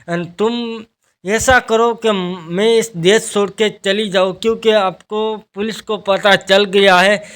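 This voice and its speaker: High-voiced man rambling through a recap. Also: fairly bright tone, clean tone. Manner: rambling, strings events together with "then". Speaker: TV serial recap narrator. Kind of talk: casual spoken plot recap.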